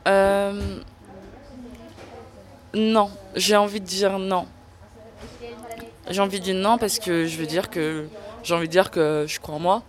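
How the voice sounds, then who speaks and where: A young woman in an interview, speaking candidly and earnestly about her own experience, often pausing to search for words. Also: medium pitch, steady tone. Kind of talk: candid personal testimony.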